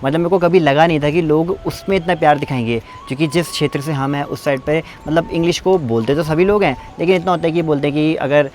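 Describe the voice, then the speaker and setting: A man's voice: on the high side, fast talker, hardly any pauses, a little mellow, slight background noise. Chatty young man vlogging outdoors. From Uttarakhand, India. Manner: chatty, thanks viewers, slips on words. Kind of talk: casual travel vlog. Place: outdoors in a mountain valley.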